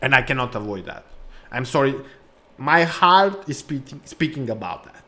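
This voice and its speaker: A man's voice: mid-range voice, lively intonation, normal speed, bright, forceful tone. A man hosting a crypto channel, speaking in broken English in a passionate, preachy vlog rant that repeats points for emphasis. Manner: non-native English grammar.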